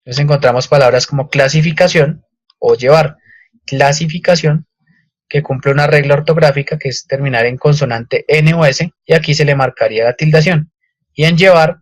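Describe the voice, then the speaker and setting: Speaking at medium pitch with no echo, this Colombian-accented man explains a grammar lesson in an online slide lecture. He's patient, tends to repeat words, and uses fillers.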